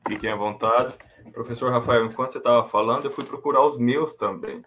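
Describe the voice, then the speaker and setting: A man's voice: medium pitch, brisk, dull audio, a crowd in the background. A man moderating a live online talk over a computer mic, friendly, reading out the chat and addressing the viewers.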